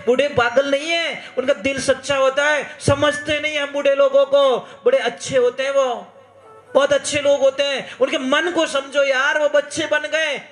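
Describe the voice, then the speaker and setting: A man's voice: very high-pitched, flat delivery, moderate pace, fairly bright tone. A man telling a devotional story in a sermon, earnest and coaxing, addressing listeners directly. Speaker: preacher. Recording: echoey roomy hall.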